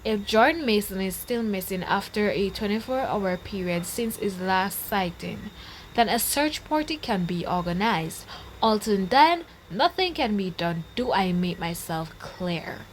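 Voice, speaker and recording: Woman reading stern male werewolf alpha, firm and dismissive, storybook voice, mid pitch. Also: animated, a little slow, slight background noise, natural voice, poor audio.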